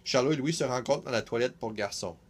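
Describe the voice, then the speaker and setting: A teenage boy reading a children's picture book aloud, steady and careful, with small restarts. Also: mid-range voice, fast talker, slight background noise. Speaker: student reader.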